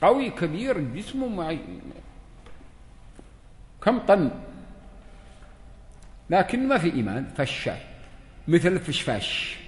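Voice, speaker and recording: Somewhat slowly and with long pauses, a high-pitched, sing-song religious teacher gives a lesson to seated listeners, asking them questions and acting out dialogues. The recording has the echo of a large hall.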